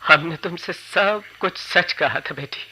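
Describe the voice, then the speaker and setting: An actor playing a gentle, humble wandering fakir in an old radio drama, speaking tenderly and with remorse, with a husky voice. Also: male voice, a little high, takes it slowly, exaggerated voice, low-quality recording. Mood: remorseful. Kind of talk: 1970s radio drama acting.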